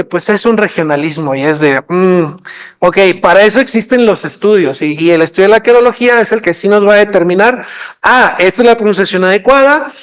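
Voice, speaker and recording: A man's voice: high-pitched, smooth. Man, instructor, live training lecture, explanatory, asks the audience questions. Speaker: sign language interpreter and instructor.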